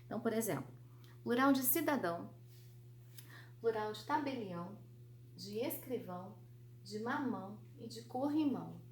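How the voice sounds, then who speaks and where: A Brazilian woman gives an online grammar lesson, playful and lively, with a fairly high voice. She talks straight to her students with affectionate nicknames. A faint hum sits under the recording. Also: moderate pace, pauses often. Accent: Brazilian Portuguese. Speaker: Portuguese teacher.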